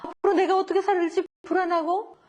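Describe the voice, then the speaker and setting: A woman's voice: extremely high pitch, little pitch movement, fast, darkish tone, lo-fi sound. A woman giving a lecture to parents, speaking straight to her audience with questions and acting out parent and child lines in quoted dialogue. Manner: addresses audience directly with rhetorical questions.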